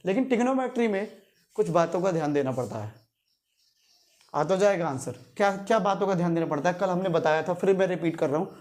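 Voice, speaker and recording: A man's voice: high-pitched, expressive, fast, a little mellow. A male teacher giving a classroom lecture, quizzing his students in call-and-response and repeating key terms to stress them.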